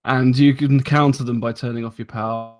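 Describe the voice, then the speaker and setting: A man's voice: medium pitch, fairly even intonation, a little fast, darkish tone. Male podcast guest who explains things carefully, with many ums. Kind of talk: casual gaming podcast chat.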